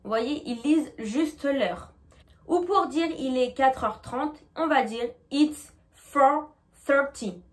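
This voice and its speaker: A woman teaching a lesson, patient and clear, slowly modeling English pronunciation. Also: high-pitched. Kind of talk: explanatory lesson.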